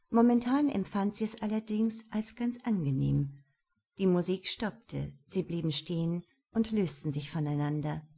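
A woman narrating a novel as an audiobook, with steady, clear storytelling. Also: medium pitch.

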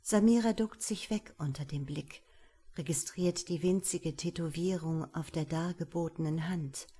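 A woman narrating a suspense audiobook in a measured, hushed manner. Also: low-pitched, husky.

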